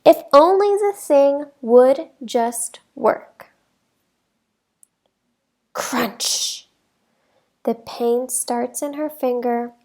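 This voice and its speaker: Here a woman's high voice carries a children's storybook, read aloud the way a teacher would. She is expressive and slow, shaping every line with intent and emphasizing important words for little ones.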